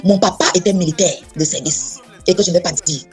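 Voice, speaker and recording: A woman's voice: fairly low pitch, a little fast, soft background music. A woman in a casual chat, blunt and insistent, often repeating herself. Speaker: co-host.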